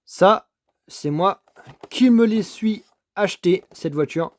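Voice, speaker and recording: A man's voice: high voice, takes it slowly. A man talking casually as he shows off his toy car finds, full of repeated enthusiastic praise, stammering and restarting as he goes, at his home desk setup. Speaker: toy car collector vlogger. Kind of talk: casual unboxing commentary.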